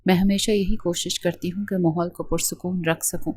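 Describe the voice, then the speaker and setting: A woman's voice: on the low side, fairly even intonation, darkish tone, slightly rough. A woman voicing a hurt but proud young wife in an audio novel, pleading yet defiant.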